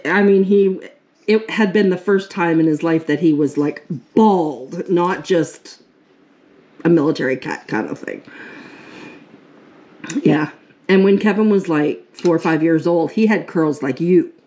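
A woman's voice: fairly low pitch, measured pace, a little mellow. A woman hosting a casual home vlog, chatting to the camera in her kitchen and laughing often. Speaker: vlog host, military wife. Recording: noisy home recording.

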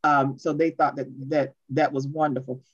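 Woman presenter, fast and animated, dull lo-fi video call audio. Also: low-pitched, slightly rough. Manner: fast, animated, says she talks too fast. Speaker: workshop presenter. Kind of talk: online workshop, casual talk.

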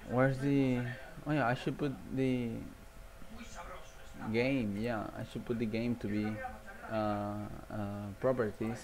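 This is casual game-stream chatter from a male livestream host who rambles and thinks out loud. He speaks at medium pitch, and the recording quality is low.

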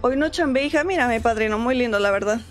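A woman with a Mexican Spanish accent streams a game from home, chatting casually and greeting viewers by name. Her voice is a little high and fast, with faint music behind her.

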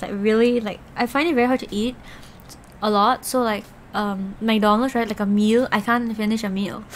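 A young woman talks to her stream viewers on a desk mic between bites of food. Her voice sits a bit high and she giggles often, wandering from thought to thought with plenty of "like". A faint steady hiss runs under her voice. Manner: rambling and giggly, heavy use of "like". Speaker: Twitch streamer. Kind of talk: casual chat with viewers while eating.

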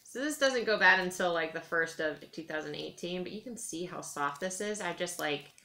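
With a lowish voice, moderate pace and sharp tone, a young adult vlogger talks casually while cutting soap, thinking aloud, wandering and repeating herself. The setting is a small indoor room with carpet and bare walls, and the distant camera mic, a metre or two off, captures the echo.

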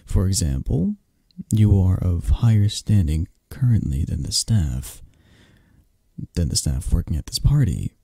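A man voices a possessive, firm mafia boss boyfriend, controlling but protective, in an ASMR romance roleplay. Close and soft, he speaks in a low, husky, sing-song way, taking his time as he coaxes and commands. The heavily acted performance has no room sound.

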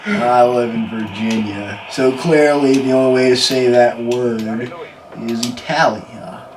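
A man's voice: mid-range voice, steady tone, a little slow, a crowd in the background. A young American man bantering casually with a friend, teasing and playing dumb. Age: young adult. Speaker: contestant in a pronunciation challenge. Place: small bedroom. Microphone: camera a few feet away. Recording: roomy, distant mic with clear background noise.

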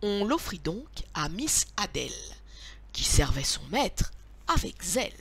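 A woman teacher reading a rhyming children's story aloud in an expressive, rhythmic way. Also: medium pitch, unhurried, husky.

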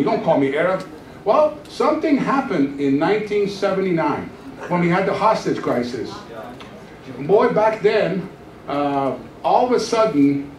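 A man in his sixties from Iran, speaking in a high voice, is a pastor giving a joking testimony sermon on a church stage with a handheld microphone. He tells stories with animated gestures while pacing the stage in a large room. The audio is an echoey church hall recorded from far off, with slight background noise.

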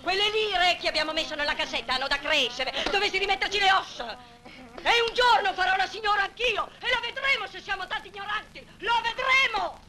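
A scolding Italian mother from the countryside, high-pitched and full of fiery resentment. She speaks in 1950s film drama style, on a noisy old soundtrack. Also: expressive, a little fast. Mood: bitter, defiant. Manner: scolding, indignant.

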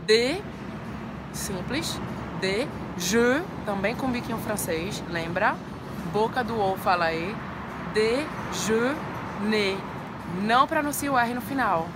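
A woman giving friendly short vocabulary lessons, repeating each word slowly. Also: a little high, background noise. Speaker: French teacher. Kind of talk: short scripted language lesson. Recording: loud music bed underneath.

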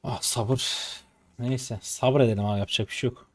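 A man's voice: mid-range voice, steady tone, moderate pace, darkish tone. Young male game streamer from Turkey, exasperated live commentary, grumbling with flare-ups. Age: 20s. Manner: exasperated, frustrated muttering and outbursts.

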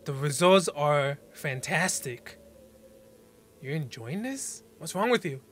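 A reaction host in his twenties speaks slowly in a fairly high, slightly bright voice with lively intonation, and a little hiss or hum is audible. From a small bedroom, headphones on and desk mic up close, he reads captions aloud with slangy, exclamatory asides.

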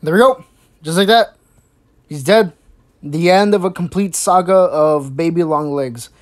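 Unhurried in delivery, this female host runs a crude, sarcastic reaction commentary, cursing a lot, tripping over restarts and imitating people with squeaky voices. There is background noise in the clip.

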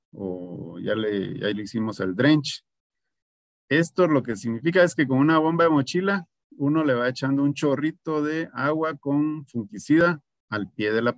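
A man's voice: medium pitch, dry recording, clean studio sound. A man teaching an online agronomy class, explaining patiently and often checking in with his students. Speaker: agronomy instructor.

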